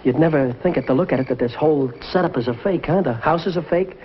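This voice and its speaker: A man's voice: fairly high pitch, very noisy, close to an everyday voice. A young man leading a 1950s sitcom, talking eagerly and bossily. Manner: eager, fast, bossy pep talk. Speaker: sitcom lead. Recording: dull 1950s TV audio with music and audience.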